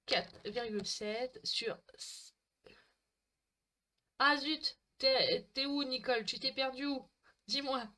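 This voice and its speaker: A woman's voice: high-pitched, slow pace, long pauses, sharp tone. A woman hosting a live crafting stream from home, chatting to viewers by name as she works and laughing at her own slips. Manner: chatty, talks to viewers by name, self-mocking. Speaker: crafting livestream host. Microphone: desk mic.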